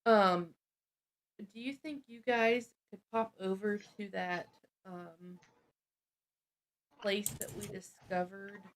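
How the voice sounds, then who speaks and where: A woman's voice: mid-range voice, fairly even intonation, slow, pauses often, slight background noise, low-quality recording. A woman playing a tabletop game in casual talk, thinking aloud with hesitations. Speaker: player.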